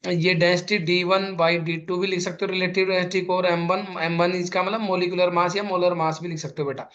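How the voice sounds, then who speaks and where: Guy teaching chem in mix, highish voice, keeps saying beta, kinda muffled lo-fi audio. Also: level tone, fairly quick, fairly bright tone. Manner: calls students "beta", explains patiently with repeated questions. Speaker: chemistry teacher. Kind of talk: exam-prep lecture.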